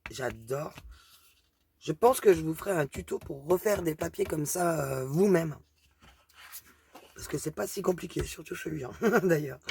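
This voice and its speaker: Fairly low in pitch, mellow and slightly rough with vocal fry, a woman presents her craft haul in a casual product show-and-tell. Her regional accent is strong, and she hesitates often, leaning on fillers.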